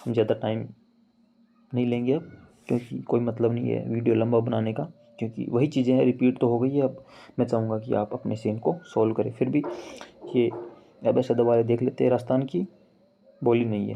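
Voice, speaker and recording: A man teaching Hindi grammar in a casual online lesson, explaining slowly and repeating examples as he addresses viewers as friends. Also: mid-range voice, level tone, creaky, mellow, highs cut off, slight background noise. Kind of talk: casual screen-share lesson.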